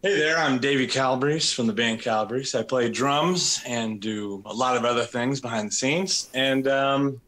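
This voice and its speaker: A man's voice: mid-range voice, normal speed, hardly any pauses, a bit bright. A man being interviewed about his band, talking in a laid-back way with frequent laughs. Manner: laid-back, laughs often, drawls words. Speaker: drummer and interview guest. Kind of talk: casual interview chat.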